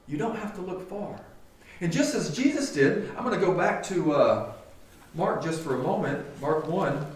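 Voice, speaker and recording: A man's voice: a little high, expressive, moderate pace. Earnest man preaching in an echoey church. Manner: earnest, conversational preaching with rhetorical questions. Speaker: pastor. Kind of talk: sermon. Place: church sanctuary. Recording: echoey church hall, mic at a distance.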